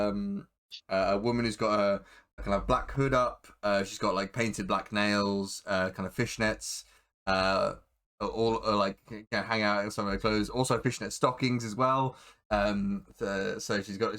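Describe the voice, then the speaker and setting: Halting low-voiced man running a game. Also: fairly bright tone. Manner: halting, filler-heavy description. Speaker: game master. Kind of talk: narrating a tabletop game.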